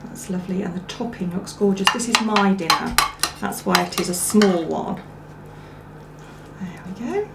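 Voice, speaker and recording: A woman's voice: medium pitch, fairly even intonation, normal speed, few pauses. A woman hosting a home cooking demonstration in her kitchen, chatty and homely as she cooks and tastes. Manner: chatty and homely, talking while cooking and eating. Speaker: cooking show host. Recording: echoey room with clear background noise. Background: clatter of dishes and cutlery.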